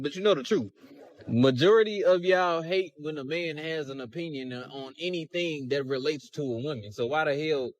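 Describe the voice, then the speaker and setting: A man's voice: on the high side, no echo. A man ranting to the camera in an emphatic, preachy and crude way.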